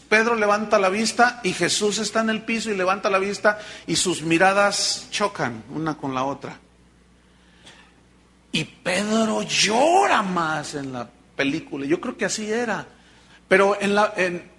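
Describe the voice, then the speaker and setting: Pastor preaching with high bright voice. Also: male voice. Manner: animated storytelling, acting out dialogue. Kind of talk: sermon.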